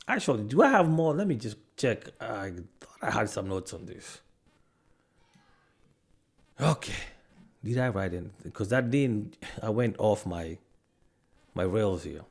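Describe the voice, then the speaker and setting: Here a man from Africa, working as a video commentator, rants to camera in an argumentative stream of rhetorical questions. He stops partway to check his notes and begins again. His voice is medium-pitched with a darkish tone.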